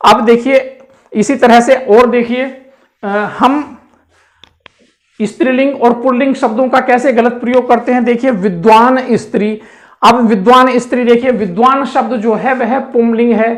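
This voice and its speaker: A man teaching a Hindi grammar lesson for exam preparation, explaining slowly and repeating key words as he points things out. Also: very high voice, steady tone.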